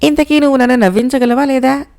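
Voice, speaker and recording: A lovesick male ghost from a folk storybook, talking through his tears in a pleading way, as a woman reads him. The voice sits fairly high with a gravelly edge. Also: fairly even intonation, quick pace, a little mellow. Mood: weepy. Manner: tearful, pleading speech. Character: weeping lovesick male ghost under a banyan.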